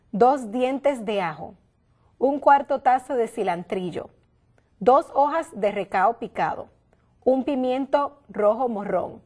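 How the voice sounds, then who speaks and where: A woman in her thirties hosting a TV cooking show from a studio kitchen, upbeat and quick to echo her guest. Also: fairly high pitch. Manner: bright, affirming echoes of her guest. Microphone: lapel mic.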